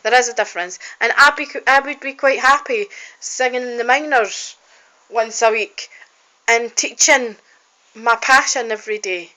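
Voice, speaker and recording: In a rough recording, a singer-songwriter and college student talks casually to a phone camera for her personal video diary. Her voice is on the high side and sharp in tone at normal speed, and her heartfelt rambling is full of ums and restarts.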